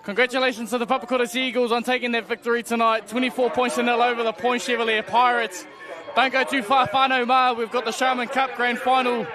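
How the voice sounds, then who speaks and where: A man shouting match results and what's next over a sports ground PA. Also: extremely high pitch, flat delivery, quick pace. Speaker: ground announcer. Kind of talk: shouted PA announcement. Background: crowd.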